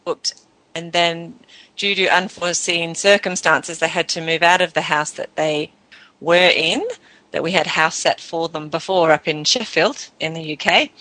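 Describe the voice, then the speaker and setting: A woman from Tasmania with an Australian accent, chatting as a guest in a relaxed, rambling way. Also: fairly low pitch, no room sound, low-quality recording. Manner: chatty, laughs easily, rambling. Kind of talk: casual interview chat.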